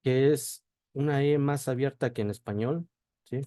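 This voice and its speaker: Slow, deliberate male language teacher. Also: medium pitch, dark tone, no echo. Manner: checks in with a constant "¿sí?" after each point; spells out sounds slowly, one at a time. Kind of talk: slow classroom explanation.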